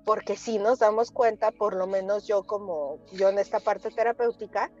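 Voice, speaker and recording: A woman, a therapist guest chatting on a talk show and telling lively anecdotes that she acts out. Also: mid-range voice, normal speed, muffled recording, soft background music. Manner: animated storyteller, acts out quotes. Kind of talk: casual talk show chat.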